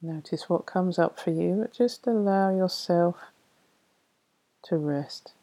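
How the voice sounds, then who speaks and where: Very slow, low, mellow female meditation guide. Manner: soft, soothing, unhurried delivery with long pauses. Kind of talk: guided meditation narration, reading a poem.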